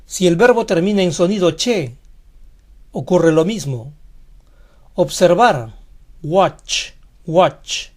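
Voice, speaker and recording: A teacher walks through a scripted pronunciation lesson at a very slow, unhurried pace. Each example word is said carefully and then repeated, in a voice of middling pitch. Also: animated, darkish tone. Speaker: English teacher.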